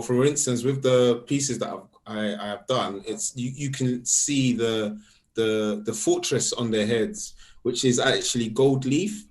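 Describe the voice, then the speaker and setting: Speaking at a medium pitch, a young guest artist from Sweden discusses his work in a relaxed interview, stopping and repeating words while he explains.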